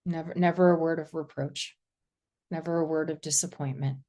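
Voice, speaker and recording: A woman with a slightly low voice shares her faith story in a group. She talks earnestly and haltingly and often breaks into laughter. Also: fairly even intonation, dark tone. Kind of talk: personal testimony in group discussion.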